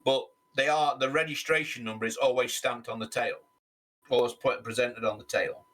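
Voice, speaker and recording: A man's voice: medium pitch, fairly even intonation, moderate pace, a bit bright. A man joining a livestream's voice chat, confidently arguing a point and teasing the others. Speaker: voice chat guest. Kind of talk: casual group chat.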